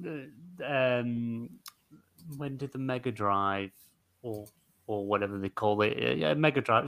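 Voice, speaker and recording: A man chatting on a podcast, his voice carrying a gravelly rasp. He thinks out loud in bursts, stumbling over restarts and fillers, and gets excitable as he goes. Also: medium pitch. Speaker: podcast co-host. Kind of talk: casual chat.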